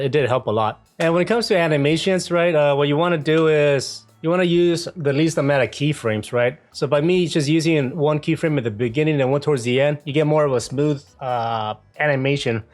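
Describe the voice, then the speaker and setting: A man presenting a casual software tutorial in an informal way, often checking in with the listener as he explains each step. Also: on the high side. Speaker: video editing tutorial presenter.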